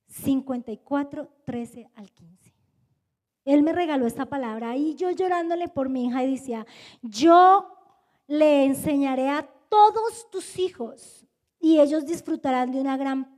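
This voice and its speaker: High-voiced woman preaching. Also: in a large hall. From Colombia. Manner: animated, acts out dialogue with changing voices. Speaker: pastor. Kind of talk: sermon with personal storytelling. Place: church.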